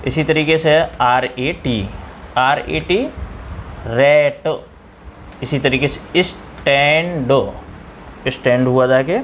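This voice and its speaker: A man's voice: medium pitch, fairly even intonation, takes it slowly, fairly bright tone, a little hiss or hum. A male teacher with an Indian accent giving a pronunciation lesson in Hindi, spelling words out letter by letter. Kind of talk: spoken English pronunciation lesson.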